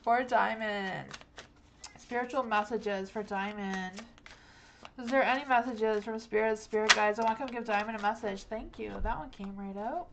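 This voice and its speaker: A woman's voice: mid-range voice, moderate pace, background noise. A young woman live-streaming tarot readings, talking in a rambling, hesitant way with many likes and ums. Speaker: tarot reader.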